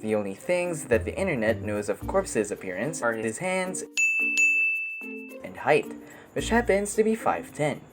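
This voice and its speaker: A woman's voice: extremely low pitch, very animated, measured pace, music in the background. A woman reading scripted documentary narration in a formal, carefully worded manner.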